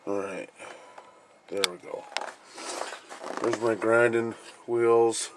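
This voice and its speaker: A man's voice: fairly low pitch, steady tone, slow pace. A man casually showing off the gear in his welding trailer, rambling and plain-spoken, cursing now and then. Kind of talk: casual walkthrough vlog. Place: outdoors in a cold enclosed work trailer. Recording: noisy handheld camera audio.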